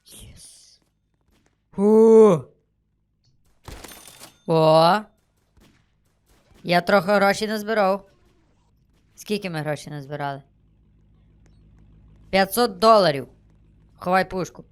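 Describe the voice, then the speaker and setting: An excitable man talks his way through a game. His commentary is casual and chatty, and he thinks out loud about each move as he goes. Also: sits high, a little slow, long pauses, clear, resonant tone. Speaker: gaming streamer.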